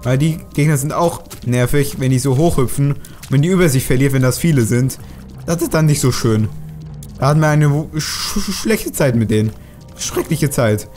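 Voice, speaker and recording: A man's voice: mid-range voice, moderate pace, darkish tone, faint music behind. A man commenting on his own play in a let's play, chatty, grumbling and swearing at enemies as he goes. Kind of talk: gaming commentary.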